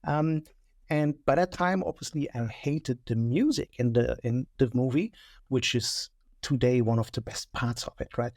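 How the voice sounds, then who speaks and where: A German man in his forties with a German accent appears as a podcast guest, chatting casually and joking at his own expense. His mid-range, darkish voice moves at normal speed, captured cleanly on a studio mic with no echo.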